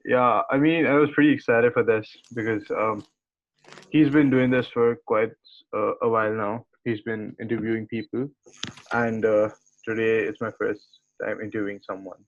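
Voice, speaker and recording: A man's voice: fairly low pitch, fairly even intonation, moderate pace. Hesitant man on a tinny video call. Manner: hesitant, many filler sounds. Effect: heard over a video call. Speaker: interviewer. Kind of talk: casual interview chat.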